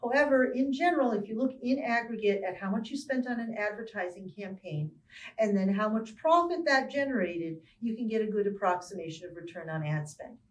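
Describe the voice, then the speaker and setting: A woman's voice: medium pitch, animated. Woman lecturing in a roomy space. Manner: clear explanatory teaching with deliberate stresses. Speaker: marketing professor. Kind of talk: recorded lecture. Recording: roomy sound from a distance from the mic.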